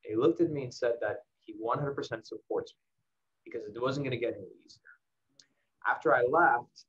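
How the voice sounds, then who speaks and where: Appearing as a guest on an indoor evening livestream, a man from El Paso, Texas, United States, candidly encourages students and young professionals in a casual motivational talk. His mid-pitched voice is a bit bright with a breathy edge, and he speaks conversationally, pausing for emphasis. The sound is slightly dull and lo-fi.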